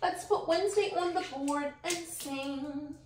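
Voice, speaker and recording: A woman's voice: high-pitched, unhurried, a little mellow, slight background noise. A young woman teaching small children in an earnest, upbeat, sing-song schoolteacher manner, asking encouraging questions to camera. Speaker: preschool teacher. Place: small room set up as a classroom, indoors. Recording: roomy indoor echo.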